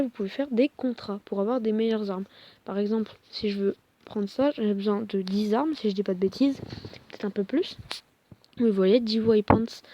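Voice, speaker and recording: A young woman talks casually over a mobile game, hesitant, full of fillers and quick apologies. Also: mid-range voice, warm tone, dull audio. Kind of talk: casual gameplay commentary.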